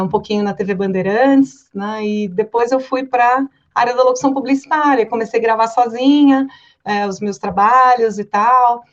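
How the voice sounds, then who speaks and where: A woman from Brazil, a voice-over artist, chatting casually and telling stories with lively quoted voices. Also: fairly high pitch, muffled recording. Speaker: voice-over artist and director, guest. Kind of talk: casual podcast chat.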